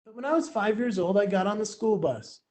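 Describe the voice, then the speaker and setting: A man giving a playful, energetic motivational keynote full of personal stories. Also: high-pitched, fairly quick. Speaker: keynote speaker.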